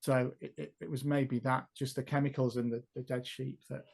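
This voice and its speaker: A man's voice: medium pitch, flat delivery, brisk, gravelly, a little mellow. Man musing through a tabletop story. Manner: thinking aloud, building the scene step by step. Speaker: player. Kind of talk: tabletop role-play storytelling.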